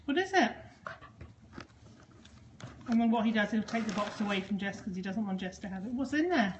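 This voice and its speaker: A woman's voice: mid-range voice, animated, brisk, slight background noise. A woman chatting to her dogs in a sing-song, coaxing way as she unboxes a parcel at home. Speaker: dog owner filming an unboxing. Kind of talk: casual talk to her dogs while unboxing.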